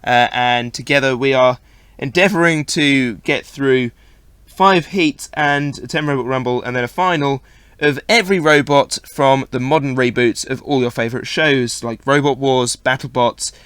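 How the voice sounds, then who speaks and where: A man hosting a podcast in a relaxed, joking way, his voice a little worn from recent loss of it. The sound is dry and close, with no room echo. He keeps a middle pitch. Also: normal speed, clear, resonant tone. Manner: jokey, teasing co-host. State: recovering from lost voice. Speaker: podcast host. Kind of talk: casual podcast chat.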